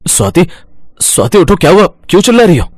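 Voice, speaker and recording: An actor playing a worried young husband in an animated story. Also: male voice, high voice, fast talker, no room sound, clean studio sound.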